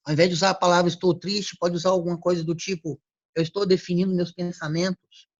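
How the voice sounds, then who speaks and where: A man giving a motivational talk on word choice, acting out quick everyday exchanges. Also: high-pitched, level tone, no echo. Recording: dull lo-fi recording.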